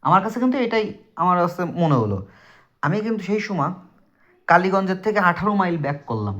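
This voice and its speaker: Speaking briskly in a high-pitched, fairly bright voice with big pitch swings, a man recounts his own ghost story to friends. His southwestern Bangladeshi Bengali accent carries a conversational, emphatic delivery aimed straight at the listeners. The sound quality is dull lo-fi.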